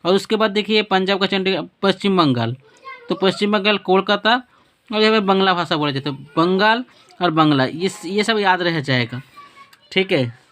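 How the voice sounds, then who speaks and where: A man's voice: high-pitched, expressive, normal speed, a bit bright. A male teacher giving a spoken lesson with a map. He asks questions and answers them himself, repeats words, and corrects his own slips as he goes.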